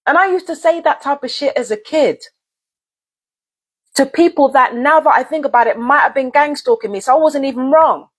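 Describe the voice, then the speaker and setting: A woman's voice: sits high, moderate pace. A woman vlogger delivering a heated, profane rant straight to her viewers, repeating herself and swearing often. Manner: angry, profane, repetitive. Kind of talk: heated direct-to-camera rant.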